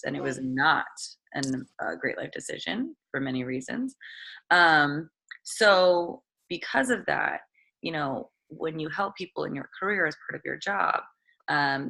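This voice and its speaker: Raspy low-voiced woman giving a training talk. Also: bright, forceful tone. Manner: chatty, many ums and restarts. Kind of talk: casual motivational training talk.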